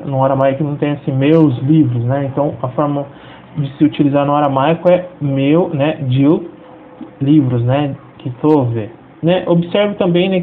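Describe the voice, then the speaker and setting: A Brazilian man teaching a language lesson in an explanatory way, checking in with listeners between phrases. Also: a little high. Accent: Brazilian Portuguese. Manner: explanatory, fills with frequent tag questions. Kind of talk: video lesson. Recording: tinny lo-fi audio with faint hiss.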